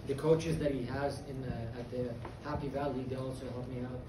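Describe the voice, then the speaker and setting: Earnest young fighter in an echoey venue. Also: male voice, mid-range voice, little pitch movement, background noise. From Afghanistan. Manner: earnest, confident, halting with fillers. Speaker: MMA fighter. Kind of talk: post-fight interview. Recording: echoey venue, distant mic, loud crowd ambience.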